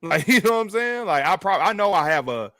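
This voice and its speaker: A man's voice: high voice, big pitch swings, brisk, pushed and bright, no room sound. A man from Fort Worth with a Texan accent, hosting a casual chat show and rambling while he reads out viewer comments. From Texas, Fort Worth. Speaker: podcast host.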